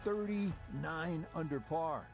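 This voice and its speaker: A man working as lead golf commentator in a video game, calling play in a measured broadcast manner. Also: fairly high pitch, gravelly. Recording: music and crowd behind voice. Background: music, crowd.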